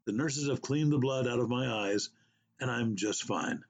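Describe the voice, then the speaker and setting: A man's voice: mid-range voice, normal speed, husky. A man voicing a frightened woman recalling her fall, told in an uncertain first-person way. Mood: dazed. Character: frightened injured woman, dazed after a fall.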